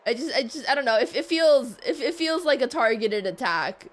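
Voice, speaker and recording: A woman's voice: high voice, expressive, normal speed. A woman streamer giving playful, rambling live commentary while playing a game. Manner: playful, rambling, laughs often.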